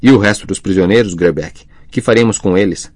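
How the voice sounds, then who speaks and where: A man's voice: low-pitched, a little fast, a little mellow, no echo, studio quality. A man voicing a nervous, eager young male kidnapper who speaks in a raised, jumpy voice in an audiobook reading.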